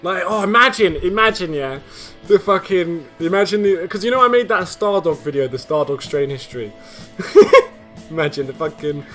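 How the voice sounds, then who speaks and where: A young man telling a story casually, animated, laughing often, with heavy slang and swearing. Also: fairly high pitch, a little fast, faint music behind. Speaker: vlogger.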